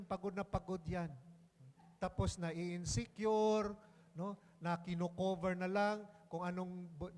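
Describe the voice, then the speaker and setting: Filipino priest, high voice, chatty homily, long church reverb. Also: male voice. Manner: conversational, prompts congregation, mixes English phrases. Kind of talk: sermon.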